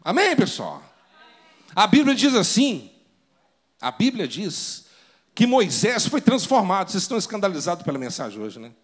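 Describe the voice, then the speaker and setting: A man delivers a sermon as pastor, firing off rhetorical questions at his listeners. His voice sits high for a man and leaps up and down as he dramatizes each point. The tone is theatrical and pressing. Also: wildly swooping pitch, moderate pace, pauses often, breathy edge.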